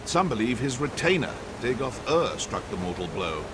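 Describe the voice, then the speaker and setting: In scripted game dialogue with music beneath it, a man plays a haughty, enigmatic elven sorcerer scholar, theatrical and condescending, sardonic and musing. His mid-range voice is very animated at normal speed and close to everyday speech, with background noise present.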